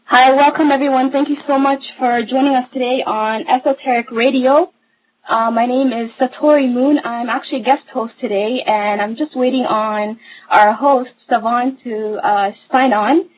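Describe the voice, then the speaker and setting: A woman's voice: fairly high pitch, fairly even intonation, normal speed. A woman from Somalia, a holistic nutritionist, guest hosting live radio for the first time and speaking hesitantly with many fillers. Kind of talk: casual live radio talk. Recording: tinny phone-like line.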